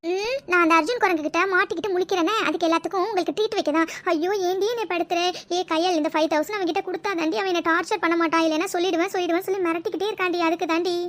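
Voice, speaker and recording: A woman's voice: very high-pitched, steady tone, racing, hardly any pauses, fairly bright tone. A woman voicing a fed-up young female student who grumbles to her friend in a cartoon. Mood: grumbling. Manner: complaining, chatty. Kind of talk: cartoon dialogue.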